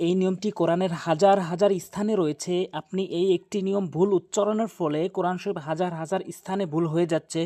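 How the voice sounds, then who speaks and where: A Quran recitation teacher giving a step-by-step spoken lesson, slowly repeating each letter sound. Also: medium pitch, a little mellow. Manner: slow, repetitive drilling of letter sounds.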